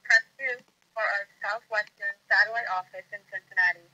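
A woman's recorded voicemail greeting heard over a telephone line, polite and clearly enunciated. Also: mid-range voice, steady tone, normal speed, bright, forceful tone. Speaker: office phone greeting. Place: office phone system. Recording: muffled phone line from off-mic.

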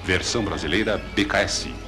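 A man announcing titles and credits in a slow, measured way, heard off an old, worn VHS tape. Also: low-pitched. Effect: old VHS tape sound. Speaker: dub announcer. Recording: distant worn VHS tape audio over loud music.

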